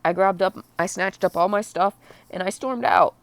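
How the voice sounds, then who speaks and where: A woman crying and very upset, venting personally in a blubbering, tearful, halting way. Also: mid-range voice, creaky, no echo. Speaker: vlogger. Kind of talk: emotional personal vent to camera.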